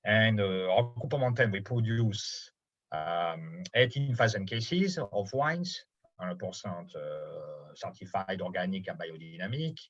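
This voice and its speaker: A middle-aged or older man from Bordeaux with a French accent, giving an informal presentation as a winemaker in halting non-native English phrasing. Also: low-pitched, animated, a bit bright, slightly rough, dull audio. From Bordeaux, France. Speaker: winemaker presenting his estate's wine.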